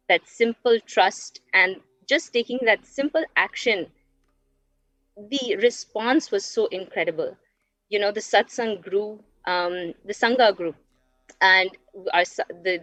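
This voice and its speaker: A woman's voice: mid-range voice, fairly bright tone, dry recording. A woman in her thirties from Dubai, telling her personal story earnestly and reflectively as an interview guest. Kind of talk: personal testimony. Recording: dull, dry lo-fi stream audio.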